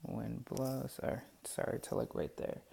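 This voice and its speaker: A man's voice: mid-range voice, fairly even intonation, measured pace, gravelly, mellow, a little hiss or hum. A young man hesitantly walking through a poem's scansion as a student presentation, often restarting and doubting himself. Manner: hesitant, many fillers and restarts, self-doubting. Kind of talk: classroom walkthrough of poem scansion.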